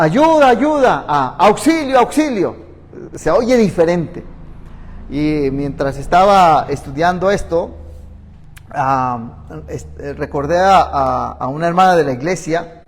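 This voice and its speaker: A man with a Mexican Spanish accent delivers a sermon from the pulpit, earnest and full of restarts. His voice sits somewhat high, and he acts out desperate pleas. The sound trails off in a long church-hall reverb. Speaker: pastor.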